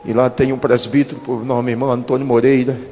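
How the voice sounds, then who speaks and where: A man in his thirties, a pastor, giving a dramatic testimony and slowing down for quoted speech. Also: mid-range voice, flat delivery, mellow. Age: 30s. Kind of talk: testimony sermon. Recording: reverberant hall with music behind.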